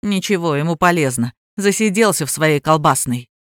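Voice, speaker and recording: A woman's voice: low-pitched, animated, moderate pace, no echo, clean studio sound, pitched below the performer's own voice. Woman reading as a domineering obsessive gamer man. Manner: smug, then shrieking in fury. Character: self-styled god, obsessive male gamer.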